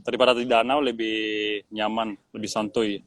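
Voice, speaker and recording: A man's voice: on the low side, level tone, moderate pace, a bit bright, dry recording. A man in his twenties from Switzerland, a tour guide, chatting as a guest in a laid-back, easygoing way over a video call. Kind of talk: casual interview chat.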